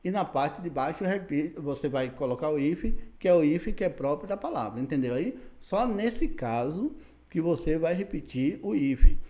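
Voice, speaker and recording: Man, grammar teacher, fairly high and very animated voice, explanatory. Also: normal speed. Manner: explanatory, repeats "né" and "tá bom" to check understanding; spells out letters one by one. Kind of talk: recorded grammar lesson.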